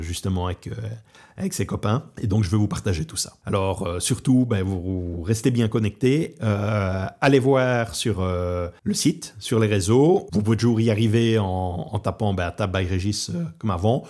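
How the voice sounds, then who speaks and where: Un homme originaire de Belgique qui parle de son projet de barbecue dans un podcast décontracté, avec beaucoup d'hésitations et de « euh ». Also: male voice, on the low side, moderate pace, darkish tone. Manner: hesitant, many fillers and restarts. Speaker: podcast host and barbecue trainer. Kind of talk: casual podcast talk. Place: Portugal.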